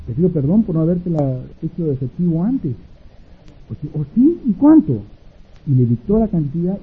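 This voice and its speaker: A man preaching a sermon who acts out an anecdote in many voices, swinging between soft and loud. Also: on the high side, breathy edge. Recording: dull lo-fi recording.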